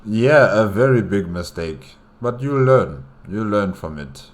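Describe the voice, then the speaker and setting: A man hosts a reaction, chatting casually, repeating phrases, and talking directly to the story's characters. His voice is lowish and expressive, and he speaks a little slowly.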